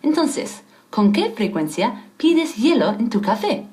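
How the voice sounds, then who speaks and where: A woman's voice: on the high side, sing-song, takes it slowly, darkish tone. A woman teaching English to Spanish speakers, patient and encouraging, drilling pronunciation with exaggerated repetition. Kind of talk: language lesson for Spanish speakers.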